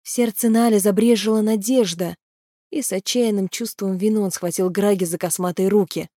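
A woman narrating a fantasy audiobook in an even, measured reading. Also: mid-range voice, dry recording, studio quality. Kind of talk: scripted narration.

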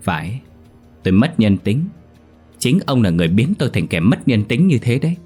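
A man's voice: fairly low pitch, lively intonation, normal speed, darkish tone, husky, faint music behind. A man voicing a cruel, sneering older wife. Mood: bitter.

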